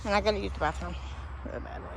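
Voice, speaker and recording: This breathless paranormal vlogger speaks rapidly at a medium pitch, his tone steady and edged with vocal fry, as he addresses viewers outdoors among the windy hills of a graveyard. His casual vlog talk wanders, full of apologies and sentences begun over again. Faint wind can be heard on the rough recording.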